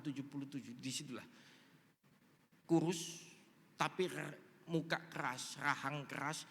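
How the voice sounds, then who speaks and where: Bright-voiced pastor preaching. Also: male voice, medium pitch. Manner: animated storyteller acting out dialogue. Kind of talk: sermon with storytelling. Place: large church hall. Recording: long reverb in a large hall.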